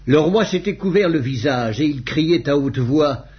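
A man reading scripture aloud with measured, solemn delivery and a husky voice. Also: fairly high pitch, expressive. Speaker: scripture reader. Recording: dull lo-fi recording.

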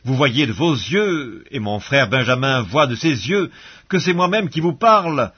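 A man reading the part of a forgiving grown ruler speaking earnestly to his brothers, in a husky voice, in a bible reading. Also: mid-range voice, expressive, measured pace, dull audio.

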